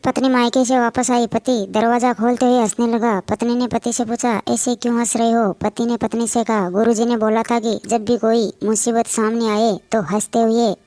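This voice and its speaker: A woman reading a string of short jokes aloud, speaking each quoted line in the same even voice. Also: on the high side, moderate pace, hardly any pauses, heavy background noise.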